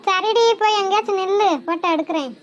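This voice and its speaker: A woman doing shrill, chatty village girls. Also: fast talker, dull audio. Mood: teasing. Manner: lively, teasing, bossy banter. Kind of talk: cartoon voice acting.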